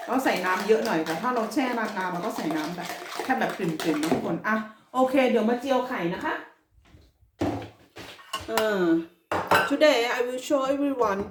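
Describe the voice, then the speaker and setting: A middle-aged woman from Thailand chats slowly and casually as she cooks, drifting between Thai and halting English. She is recorded in a roomy, echoey home kitchen with clear background noise behind her. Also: mid-range voice. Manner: chatty, mixes halting English with Thai, stumbles over English words. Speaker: cooking vlogger. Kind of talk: casual cooking vlog chat.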